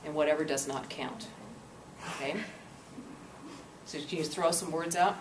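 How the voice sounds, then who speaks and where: A woman's voice: deep voice, fairly even intonation, unhurried, background noise. A woman leading an interactive workshop, often checking understanding with "okay?", recorded from a distant camcorder in a classroom. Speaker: workshop presenter. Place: classroom or meeting room. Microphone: far camcorder. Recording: echoey room from a distant camcorder.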